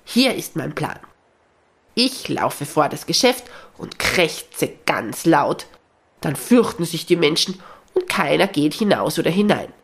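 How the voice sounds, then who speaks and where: A narrator voicing a kind, slow-talking crow. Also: mid-range voice, sing-song, gravelly, breathy edge, full character voice. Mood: helpful. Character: kind helpful female crow who cannot fly.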